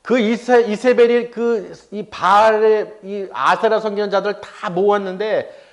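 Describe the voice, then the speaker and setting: A man's voice: high-pitched, steady tone, measured pace. A male pastor giving a sermon. He tells the story with acted-out dialogue and asks the congregation questions.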